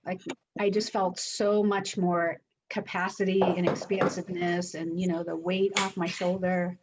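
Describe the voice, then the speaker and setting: A woman's voice: fairly low pitch, little pitch movement, measured pace, background noise. A woman with a Boston accent hosting an online coaching talk, reflective and searching for her words. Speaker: host and coach. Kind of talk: online lunch-and-learn talk.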